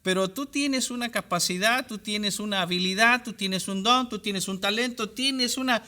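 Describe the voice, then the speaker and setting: A man preaching an online church sermon with a high, bright voice. He talks straight to his listener and stacks short parallel phrases for emphasis. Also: moderate pace. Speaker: pastor.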